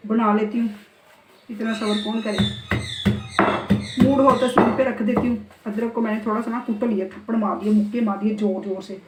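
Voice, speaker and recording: A woman's voice: fairly high pitch, background noise. A middle-aged woman chatting playfully to her viewers in a casual home vlog. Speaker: vlogger.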